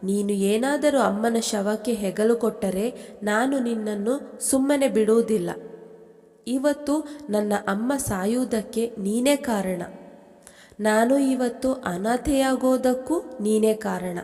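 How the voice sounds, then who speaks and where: A young wife sunk in grief turns bitter accusations on her husband between sobs, read by a woman narrator. The voice is dark and unhurried, with a long hall reverb trailing each line. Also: on the high side.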